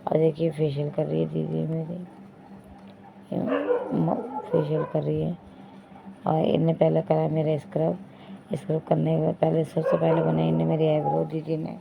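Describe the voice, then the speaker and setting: Deep, monotone and creaky, a young woman's voice moves at a moderate pace with frequent pauses. She's a vlogger chatting straight to viewers in a casual home video, pointing things out and saying "dekhiye" again and again. Faint noise runs under the dull, lo-fi phone recording.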